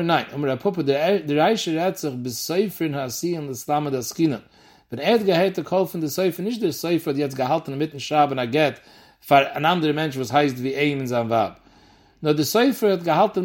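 Guy going thru a talmud page, sing-song study chant, kinda high voice. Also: a little fast. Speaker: Talmud teacher. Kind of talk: Talmud lesson explaining the text.

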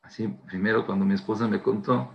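A man's voice: fairly low pitch, steady tone, a little fast, gravelly, lo-fi sound. A man giving an inspirational religious talk, telling a story earnestly and mixing Hebrew religious terms into his speech. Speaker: religious speaker.

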